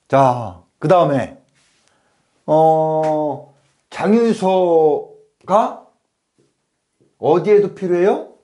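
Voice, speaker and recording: A man's voice: on the high side, warm tone. A man acting as a schoolteacher in a comedy class, scolding pupils and firing off rhetorical questions. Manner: scolding, rhetorical, keeps asking "어?". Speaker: comic playing a schoolteacher.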